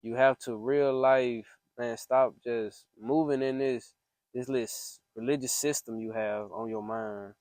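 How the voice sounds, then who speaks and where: A man's voice: mid-range voice, steady tone, a little slow, darkish tone, no echo. A man speaks earnestly on a phone voice memo. He sounds preachy and confiding, and the recording is close and dry with no room sound. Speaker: speaker venting about faith. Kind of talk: casual spoken reflection.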